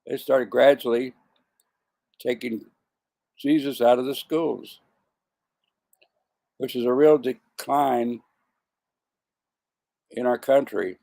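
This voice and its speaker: A man in his seventies speaks with a gravelly, worn voice. He talks casually straight to the camera and often trips over his words, repeating himself and correcting as he goes. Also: medium pitch, takes it slowly, long pauses, mellow. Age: 70s. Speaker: vlogger.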